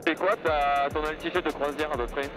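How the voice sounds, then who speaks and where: A man's voice: a little high, fairly even intonation, a little fast, over music, low-quality recording. A man chatting casually and enthusiastically as a passenger, heard over a pilot headset. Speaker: passenger in a microlight plane. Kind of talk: casual chat.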